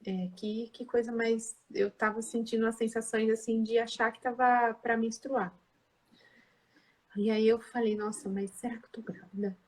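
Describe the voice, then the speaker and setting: A woman's voice: fairly high pitch, a little mellow, low-quality recording. A woman in her thirties, a guest telling her personal story in a candid, rambling way, full of fillers and self-corrections. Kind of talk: personal testimony in a conversation.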